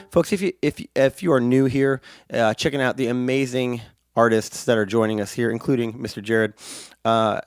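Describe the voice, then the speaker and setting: A man with a congested, hoarse smoker's rasp, hosting a live stream in a chatty, rambling, playful way. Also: medium pitch, no echo, studio quality. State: congested from a sinus infection, coughing. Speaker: live stream show host and piano player.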